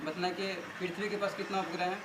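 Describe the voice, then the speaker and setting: A man's voice: high voice, little pitch movement, fast talker, a bit bright. A man who teaches, quizzing a student and patiently repeating her answers back. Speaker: teacher and interviewer.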